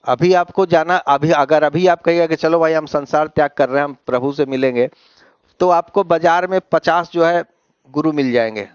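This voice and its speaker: A man's voice: a little high, moderate pace, clear, resonant tone, no echo. A male teacher giving a classroom lecture in Hindi. He mixes in English words and keeps asking his students whether they follow. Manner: asks questions and answers them, often adds 'है ना?'. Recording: dry, slightly dull sound.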